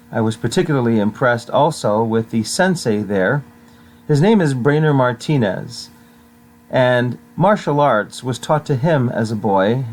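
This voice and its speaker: A man hosting a show, reading a scripted feature in measured phrases. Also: medium pitch, a little mellow, rough recording. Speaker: show host and interviewer.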